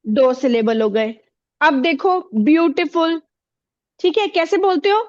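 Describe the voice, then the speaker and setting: A woman's voice: high-pitched, a little slow, lo-fi sound. A woman teaching a classroom, asking the pupils questions and repeating their answers with encouragement.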